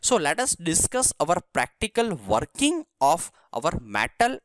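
Lively-voiced man lecturing on welding. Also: a little high, measured pace, no room sound. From India. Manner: explanatory, repeats "right?" and "so here" as checks. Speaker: engineering lecturer. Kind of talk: recorded technical lecture.

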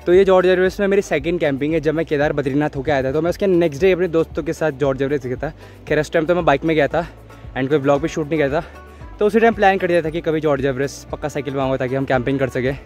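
A young man vlogs while cycling on mountain roads, chatting with viewers, giving tips, and mixing in English words. His slightly high, slightly mellow voice races along over soft background music, picked up by a phone or action camera held at arm's length.

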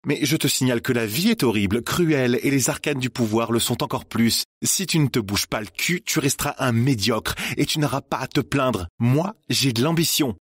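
A man's voice: medium pitch, normal speed, hardly any pauses, husky, no echo, clean studio sound, pitched above the performer's own voice, close to an everyday voice. A man voicing a cruel, ambitious teenage girl who mocks and gloats, in an audiobook reading. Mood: scornful. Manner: mocking, arrogant.

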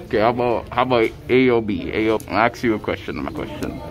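A man's voice: lowish voice, quick pace, crowd noise. A young man recording a casual school vlog on a phone held at arm's length, playful and laughing, repeating his words. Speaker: vlogger. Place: school hallways, indoors.

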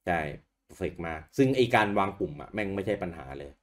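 A man co-hosting a podcast, chatting casually about old video games with a relaxed manner and easy swearing. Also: deep voice, a little fast. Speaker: podcast co-host.

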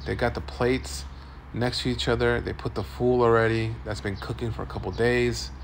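Filming with a phone at an outdoor street food stall, this food vlogger in his forties offers upbeat, tour-guide-style narration as he walks and talks. His medium-pitched voice is creaky, with a flat delivery at a moderate pace, and slight noise sits behind it.

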